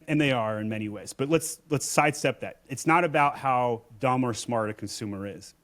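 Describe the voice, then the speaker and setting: Blunt, emphatic man talking business. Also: mid-range voice. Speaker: Amazon seller and agency owner, podcast guest. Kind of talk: casual podcast conversation.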